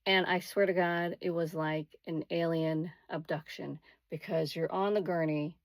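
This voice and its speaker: A woman with a lowish voice shares a first-person story in a casual vlog style. She leans on key words for dramatic effect. The recording is dry, with hardly any room sound. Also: no echo. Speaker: vlogger.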